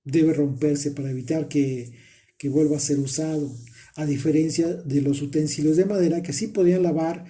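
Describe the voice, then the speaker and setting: A man's voice: a little high, fairly even intonation, normal speed, dark tone. A man teaching a Bible study, reading scripture aloud and explaining it, often restarting his phrases.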